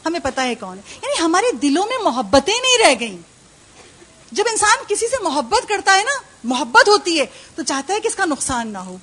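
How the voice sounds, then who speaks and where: A woman's voice: extremely high pitch, very animated, pushed and bright. A woman delivering a religious sermon at a Muharram majlis, preaching with rhetorical questions and acted-out quotes.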